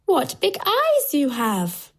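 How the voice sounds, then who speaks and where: Woman as innocent little girl, storybook, high pitch, lively sing-song, polite, trusting, wide-eyed. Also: takes it slowly, heavily acted. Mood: amazed.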